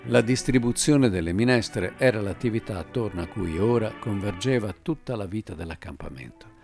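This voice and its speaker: A man reading a literary memoir aloud as narrator, telling it in an expressive, wry way. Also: lowish voice, moderate pace, creaky, soft background music.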